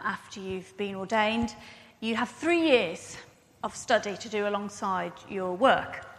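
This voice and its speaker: A woman's voice: medium pitch, a bit bright. A woman pastor preaching a sermon, telling a story about herself in a chatty, self-mocking way. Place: church. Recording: long church reverb.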